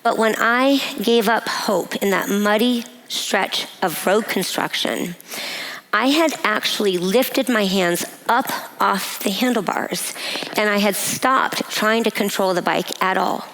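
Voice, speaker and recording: A woman giving a personal testimony at a women's breakfast, telling a story in a measured way and laughing often. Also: medium pitch, a bit bright, rough recording. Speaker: guest speaker. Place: event hall.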